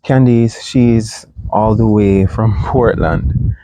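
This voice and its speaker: A young man, reserved and halting, co-hosting a casual chat and recalling his schooling. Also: fairly low pitch, steady tone, warm tone, dry recording. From Jamaica. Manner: reserved, halting with many ums. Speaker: co-host of a couple's channel.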